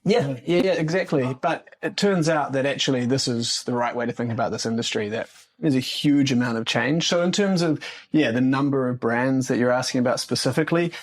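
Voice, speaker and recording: A man speaks as a journalist guest at a relaxed roundtable. He thinks aloud in a reflective way and leans on plenty of fillers while he works out his points. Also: mid-range voice, a little fast. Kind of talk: casual roundtable discussion.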